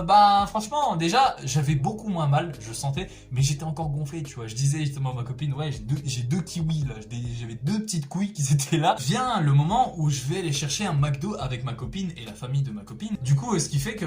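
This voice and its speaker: A young man chatting casually through a personal story, slangy and expressive, exclaiming for emphasis. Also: on the high side. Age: young adult. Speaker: storytelling vlogger.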